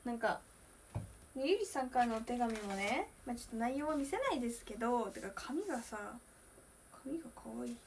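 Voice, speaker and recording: A young woman in her twenties, chatting casually on a solo livestream, emotional and talkative, moving from loud bursts to hushed asides. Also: fairly high pitch, sing-song, moderate pace, a little hiss or hum. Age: 20s. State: near tears at times. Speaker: idol streamer.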